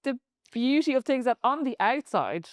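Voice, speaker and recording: Smooth-voiced woman podcast host. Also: sits high, lively intonation, moderate pace, no echo, studio quality. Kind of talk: casual faith conversation.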